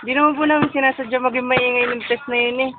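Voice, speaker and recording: A woman's voice: high voice, flat delivery, fast talker. A teenage schoolgirl apologizing in a pleading, emotional way to her teacher. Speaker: student. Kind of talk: casual apology video. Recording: tinny lo-fi camera with hiss.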